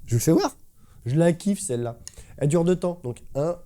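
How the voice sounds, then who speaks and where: A man's voice: fairly high pitch, expressive, a little fast, warm tone. A man teaching a casual drum lesson, enthusiastic and slangy, imitating drum fills with spoken syllables. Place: drum studio. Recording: drum music playing behind the voice.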